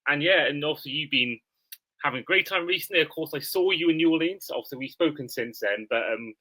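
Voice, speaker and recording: A man from Wales hosts a sports podcast, friendly and chatty. His voice is bright and a little high. He keeps things easy with his guest. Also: fast, poor audio. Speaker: podcast host. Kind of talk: casual podcast chat.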